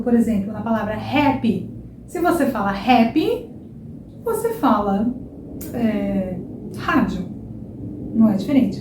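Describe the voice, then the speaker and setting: A young woman from São Paulo with a Paulista accent gives an online Portuguese pronunciation lesson and keeps checking in with "tá?" and "ok?". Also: on the high side. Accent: São Paulo Brazilian Portuguese. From São Paulo, Brazil. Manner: explanatory, often checks in with "tá?" and "ok?". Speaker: Portuguese teacher. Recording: echoey room, faint background hiss.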